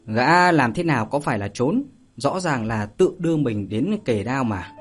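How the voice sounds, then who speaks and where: A man reading a martial arts novel aloud as narrator, steady and unhurried, with small fillers. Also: mid-range voice, husky. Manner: steady storytelling with spoken fillers. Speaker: audiobook narrator. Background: faint music.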